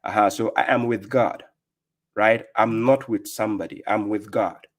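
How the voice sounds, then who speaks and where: A middle-aged man with a Ghanaian accent and a fairly low voice leads a live-stream religious talk. He speaks emphatically and firmly, often stopping to ask his viewers "right?". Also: steady tone, moderate pace. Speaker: livestream host and religious speaker.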